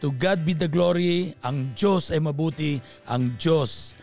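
A man's voice: fairly high pitch, slow pace, creaky, a little mellow, faint music behind. A middle-aged man, a lay preacher, earnestly telling a personal testimony with emphatic storytelling.

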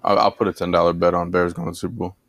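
Fast-talking blunt man. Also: deep voice, flat delivery, creaky, fairly bright tone, dry recording, studio quality. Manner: quick, blunt, profane. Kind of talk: casual sports chat.

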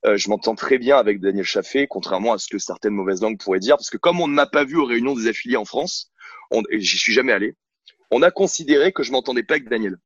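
A man's voice: mid-range voice, expressive, quick pace, a bit bright, slightly rough, no room sound, highs cut off. Blunt, outspoken French-speaking coach, man. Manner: blunt, outspoken, many hesitations and restarts. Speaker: CrossFit coach, podcast guest. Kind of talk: casual conversational interview. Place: at home on a couch, filming himself. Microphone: camera mic.

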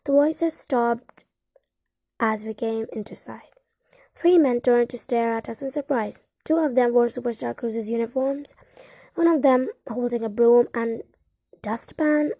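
Mellow-voiced woman narrating an audiobook. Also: a little high, measured pace, dry recording. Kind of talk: first-person audiobook narration.

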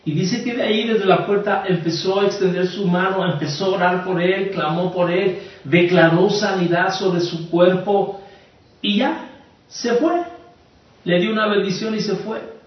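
A pastor preaching a sermon, telling a story earnestly and asking rhetorical questions. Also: male voice, high-pitched, measured pace. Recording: echoey hall, distant mic, dull sound.

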